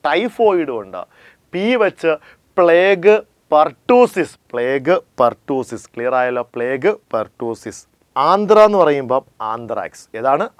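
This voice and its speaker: A man teaching an exam coaching lesson, drilling each point by asking a question and answering it himself. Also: no echo. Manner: emphatic, rises and drops sharply in pitch and volume. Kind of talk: classroom lecture with call-and-response drilling.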